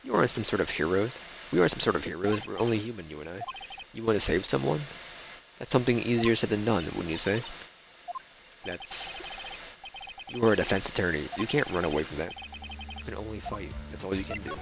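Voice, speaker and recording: A man's voice: lowish voice, expressive, a little fast, creaky, pauses often, background noise. A man reading a stern lecturing prosecutor. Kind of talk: reading game dialogue aloud. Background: game music.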